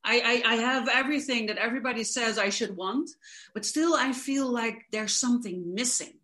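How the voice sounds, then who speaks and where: A woman's voice: a little high, normal speed, bright, forceful tone. A woman from the Netherlands, a coach explaining her work fluently and enthusiastically in an interview. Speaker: guest, coach. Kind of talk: casual interview.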